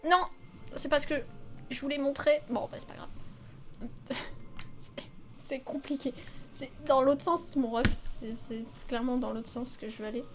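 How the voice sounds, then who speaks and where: A young woman with a high, light voice talks her way through a video game in loose, chatty commentary. She exclaims often and swears freely. Faint game music plays quietly behind her. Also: fairly even intonation, a little slow, pauses often. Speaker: video game let's player. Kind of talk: casual gameplay commentary.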